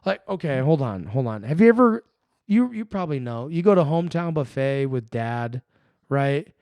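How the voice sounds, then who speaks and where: A man's voice: on the high side, animated, moderate pace, darkish tone, no room sound. A young man co-hosting a podcast, a little tipsy, rambling and swearing as he tells stories with bursts of laughter. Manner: rambling, profane, laughing storyteller. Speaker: podcast co-host. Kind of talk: casual chat.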